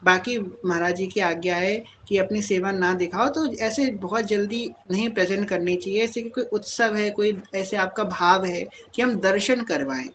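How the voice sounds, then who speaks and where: Calm woman spiritual guide, mid-pitched, teaching patiently on a live call with faint noise behind her. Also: moderate pace, hardly any pauses, poor audio. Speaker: spiritual guide answering devotees. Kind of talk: devotional Q&A talk on a live call.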